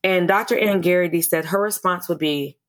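A woman's voice: lowish voice, fairly quick, slight background noise. A woman speaking as an early childhood educator on a podcast interview, earnest and passionate, often restarting and repeating words.

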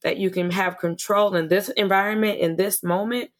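A woman's voice: medium pitch, steady tone, normal speed. A woman speaking as an early childhood educator on a podcast interview, earnest and passionate, often restarting and repeating words.

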